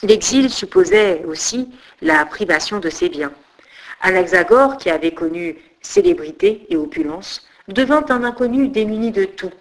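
Expressive woman storyteller. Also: mid-range voice, normal speed, low-quality recording. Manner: expressive, voices the characters in dialogue. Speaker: storyteller and blog host. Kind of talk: storybook narration.

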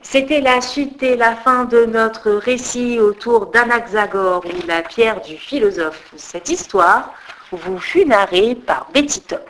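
A woman narrating a storybook tale as host of her story blog, expressive and giving voice to the characters. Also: on the high side, takes it slowly, a little hiss or hum, poor audio.

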